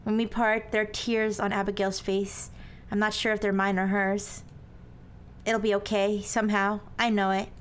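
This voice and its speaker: A woman voicing an earnest young woman in a paranormal romance visual novel, reading in a soft, solemn, dramatic way. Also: flat delivery, moderate pace, smooth, natural voice. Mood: solemn, tender. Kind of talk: visual novel read aloud. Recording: noisy, low rumble behind.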